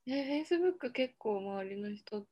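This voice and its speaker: Young female amateur co-host, lively pitch, short teasing answers. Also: slow pace, dry recording, dull audio. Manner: laughs easily, short teasing replies. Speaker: amateur radio show co-host. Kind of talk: casual chat, mock radio show.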